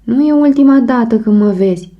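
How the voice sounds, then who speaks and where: A woman's voice: a little high, voice pushed up, close to an everyday voice. A woman narrator voicing an impulsive young husband who is ardently in love and pleading. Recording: muffled audiobook recording.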